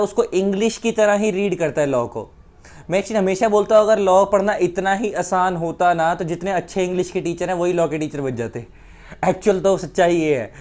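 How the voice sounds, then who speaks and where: एक भारतीय पुरुष शिक्षक, जो हिंदी और अंग्रेज़ी मिलाकर उदाहरणों के साथ कानून समझाता है।. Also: male voice, sits high, darkish tone. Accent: Indian. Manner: explains with repeated examples, mixing Hindi and English. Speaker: law teacher. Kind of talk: explanatory lecture.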